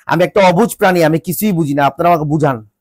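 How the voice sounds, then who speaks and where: A man's voice: fairly high pitch, fast, no echo, clean studio sound. A Bangladeshi man vlogger with a congested, stuffy nose from a cold, giving an exasperated, scolding rant to his viewers with repeated rhetorical questions. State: sick with a cold, voice changed.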